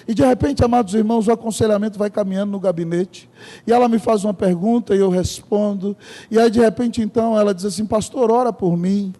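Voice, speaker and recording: A man's voice: sits high, fairly even intonation, fast talker, dark tone. A man preaching a sermon as pastor, telling stories emphatically and turning often to the congregation. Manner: emphatic storytelling, often addressing the congregation directly. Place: church sanctuary. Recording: long church hall reverb.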